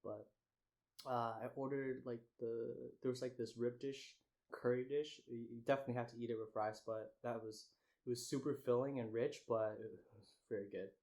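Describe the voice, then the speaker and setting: Young man chatting casually, flat and halting. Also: medium pitch. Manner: halting, trailing off and restarting. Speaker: mukbang vlogger. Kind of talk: casual chat to camera.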